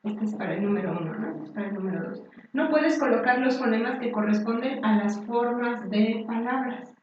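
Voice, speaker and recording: Woman, lecturer, higher voice, heavy room echo, distant dull recording. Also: a little hiss or hum. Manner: slow and deliberate, with many fillers and restarts. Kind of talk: university lecture.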